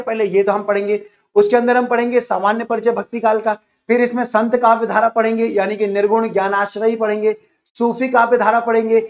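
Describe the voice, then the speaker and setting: A man teaching an exam-prep lecture, listing topics one after another and repeating key points as he explains. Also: extremely high pitch. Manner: repetitive, explanatory, enumerating topics.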